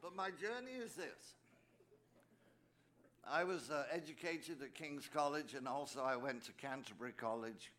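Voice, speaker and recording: A man's voice: a little high, expressive, moderate pace, fairly bright tone. An older man with an English accent, a priest giving a personal testimony speech at a recovery meeting, anecdotal and dropping joking asides to the audience. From England. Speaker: priest sharing his story at a recovery meeting.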